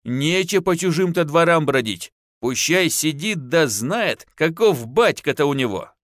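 Man doing a shrill scolding peasant wife. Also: lively intonation, unhurried, a bit bright, no room sound, studio quality. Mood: furious. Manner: wailing, scolding.

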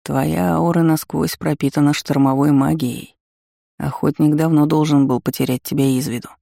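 A man voicing a stern, powerful male dark mage in an audiobook, with commanding, clipped speech. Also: fairly high pitch, steady tone, normal speed, gravelly, no room sound, studio quality. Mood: calm.

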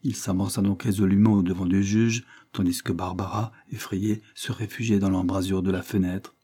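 A male audiobook narrator reading a classic novel in a measured, even way. His voice is low, warm and dark, with a husky grain. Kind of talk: scripted narration.

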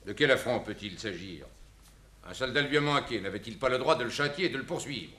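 A man's voice: medium pitch, animated, brisk, bright, forceful tone. An actor playing a proud, firm peasant father in a 1950s stage drama. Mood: indignant. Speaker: farmer Pedro Crespo. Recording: roomy old stage recording.

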